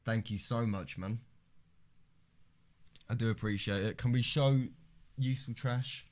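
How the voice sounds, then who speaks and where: Sweary young British man, low-pitched streamer. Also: a little slow, a little mellow. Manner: sweary, matey, rambling. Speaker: live game streamer. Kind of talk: casual stream chat with game commentary.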